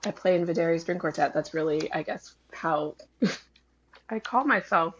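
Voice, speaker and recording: A woman's voice: fairly low pitch, a little slow, dull audio, a little hiss or hum. A young woman from northern Idaho, a violist, speaking as an interview guest, hesitant and giggly. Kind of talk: casual interview talk.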